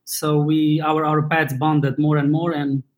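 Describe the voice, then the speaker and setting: A man from Slovenia in his thirties, a former table tennis player and coach, talking casually in an interview and often pausing to search for his words. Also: a little high, level tone, poor audio. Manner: searching for words, many fillers and restarts, non-native English.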